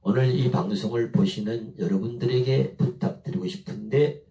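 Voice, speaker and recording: A man with a Chungcheong Korean accent giving a folksy, impassioned speech that swings between a slow dialect drawl and fiery oratory. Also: fairly low pitch, dark tone. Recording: echoey, mic from far off.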